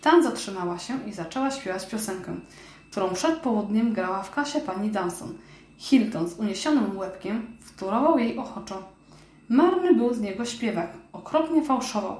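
A woman reading a children's story aloud in a calm, measured way. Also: mid-range voice. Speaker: audiobook narrator. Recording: echoey room.

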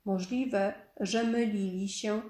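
In an echoey room, a storybook narrator reads a children's story out loud. Her voice is medium in pitch, and her delivery stays calm and measured.

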